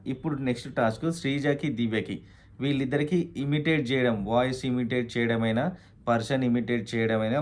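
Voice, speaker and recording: A man's voice: medium pitch, a little mellow. A man giving a casual spoken recap of a reality show, with many fillers and English words mixed in.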